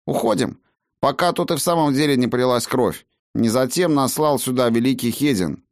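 A man's voice: medium pitch, normal speed, no room sound, clean studio sound, voice pushed up, close to an everyday voice. A man voicing a wary, grumbling halfling man who speaks bluntly in an audiobook.

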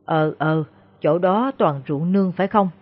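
A woman voicing a shrewd, calm older male exorcist master who asks probing, feigned questions. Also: lowish voice, measured pace. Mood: shrewd questioning. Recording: dull lo-fi recording.

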